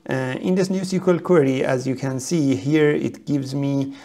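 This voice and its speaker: Gravelly middle-aged man teaching software. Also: medium pitch, fairly even intonation, moderate pace. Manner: methodical, explaining step by step with frequent fillers. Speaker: software trainer. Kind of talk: screen-share tutorial.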